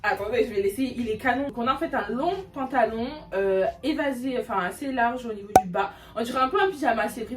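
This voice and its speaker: Woman, enthusiastic haul vlogger, higher voice, music under, mic a bit distant. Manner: chatty, enthusiastic, lots of fillers. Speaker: fashion vlogger. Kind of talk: casual try-on haul vlog.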